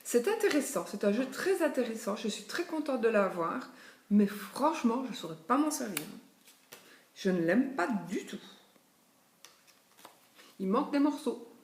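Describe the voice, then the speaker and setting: A woman's voice: a little high, sing-song, moderate pace, pauses often. Chatty woman in an echoey room. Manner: chatty, thinks aloud with many asides. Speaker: tarot reader presenting a deck. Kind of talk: casual chat while showing cards. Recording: echoey room with faint noise.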